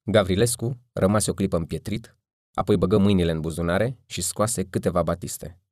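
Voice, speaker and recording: A man narrating an audiobook in steady, even storytelling. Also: low voice, no room sound, studio quality. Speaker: audiobook reader. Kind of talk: scripted narration.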